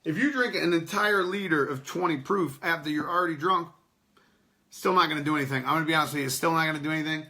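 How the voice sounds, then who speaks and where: Talking fast in a slightly high, bright, forceful voice, a man hosts an unscripted podcast. He chats casually with viewers from the live chat, rambling, cursing, and laughing frequently.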